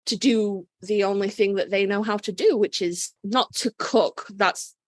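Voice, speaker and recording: This woman from Britain co-hosts a podcast, talking through fan topics in a relaxed, forceful way full of swearing. Her mid-range voice moves a little slowly, and the recording has no echo.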